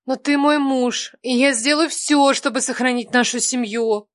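A prim, pleading ex-wife, put on by a man reading an audiobook. The voice sits high and light, with a slightly altered tone, and the sound is dry and close. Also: fairly even intonation, moderate pace, a bit bright, no echo. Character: ex-wife, prim, pleading then defiant woman.

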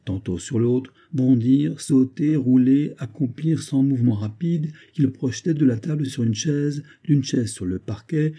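A man narrating a classic story aloud in a measured, expressive way. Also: medium pitch, husky. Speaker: audiobook narrator. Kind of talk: literary story reading.

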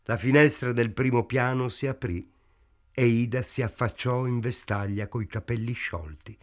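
A man narrating a novel as an audiobook in a measured, even literary reading style. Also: mid-range voice.

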